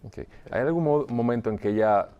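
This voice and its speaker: A man acting as a pastoral counselor, asking calm questions and giving short acknowledgements. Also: medium pitch, fairly quick, clear, resonant tone, highs cut off. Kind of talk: role-played counseling session.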